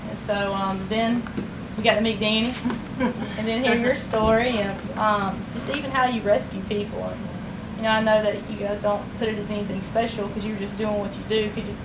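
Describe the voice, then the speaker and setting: A woman's voice: mid-range voice, background noise. Earnest woman relief organizer, echoey and distant. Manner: earnest, heartfelt. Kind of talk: speaking to a family and a crowd.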